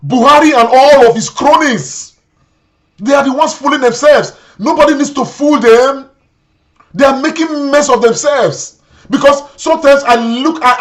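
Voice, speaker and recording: Nigerian host ranting about politics, repeats stuff, kinda high voice. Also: male voice, a bit bright. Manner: indignant, repetitive, mixes in Pidgin. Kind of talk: impassioned political commentary.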